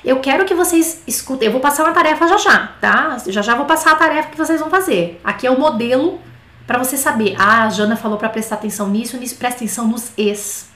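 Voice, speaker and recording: A woman with a high, bright-pitched voice gives an online French class in a chatty, explaining manner. She slows down to sing little children's songs line by line. The sound bounces around an echoey room. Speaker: French teacher.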